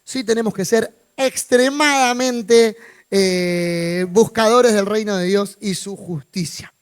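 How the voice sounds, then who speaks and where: A man's voice: high-pitched, slow pace, clean tone, no room sound, clean studio sound. A man with a Rioplatense accent, preaching as a pastor in an informal, conversational way, asking his congregation questions and slipping in jokes. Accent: Rioplatense Spanish. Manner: informal, asks the congregation questions, joking asides. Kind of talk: conversational sermon. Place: church.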